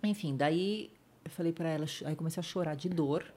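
Speaking a little fast, a middle-aged Brazilian woman with a somewhat low voice and a Brazilian Portuguese accent recounts an emotional personal story on a podcast. She brings it to life by voicing the other people's lines, and her voice falls to a near whisper wherever it hurts.

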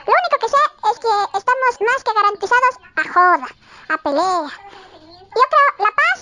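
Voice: extremely high pitch, big pitch swings, normal speed, bright, forceful tone, slight background noise, full character voice. A performer voicing a tiny, ranting dwarf with a Bolivian accent in a comic monologue. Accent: Bolivian Spanish. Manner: ranting, exclamatory, sings snatches of songs.

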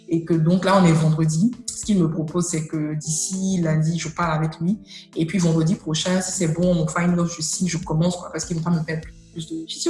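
Woman telling her story in an echoey room. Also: deep voice. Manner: animated storyteller who acts out dialogue. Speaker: guest sharing a testimony. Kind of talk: emotional personal testimony.

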